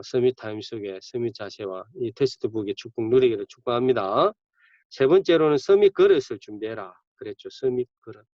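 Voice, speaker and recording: Man, campus pastor, conversational sermon, emphatic bursts, mid pitch, dull dry recording. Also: darkish tone, dry recording.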